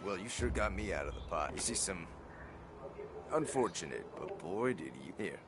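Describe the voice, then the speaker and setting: Deep-voiced wary castle stranger. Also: male voice, lively intonation, moderate pace, heavy background noise. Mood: guarded. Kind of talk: video game voice acting. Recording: game audio under loud ambience.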